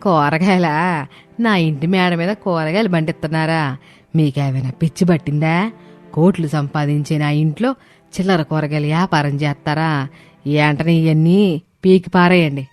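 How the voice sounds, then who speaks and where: A woman's voice: sits low, steady tone, moderate pace, soft background music, close to an everyday voice. Woman voicing a scolding bossy mother-in-law. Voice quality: sharp, scolding. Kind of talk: animated storybook voice acting.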